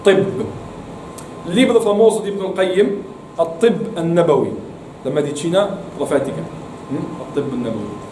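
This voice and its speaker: Guy teaching a class, warm mellow voice, keeps urging students to study, roomy echo, sounds far from the mic. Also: fairly high pitch, moderate pace, pauses often, a little hiss or hum. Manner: encouraging, repeats words for students. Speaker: Arabic teacher. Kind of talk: classroom lesson. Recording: echoey room, mic far off.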